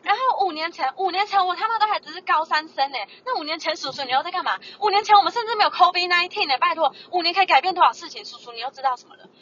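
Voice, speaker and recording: A young woman, co-hosting a podcast and telling an exasperated, animated story while mimicking other people's voices. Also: extremely high pitch, rapid-fire, hardly any pauses. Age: early 20s. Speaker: podcast co-host. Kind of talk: casual chat, ranting storytelling. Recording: dull lo-fi audio with faint noise.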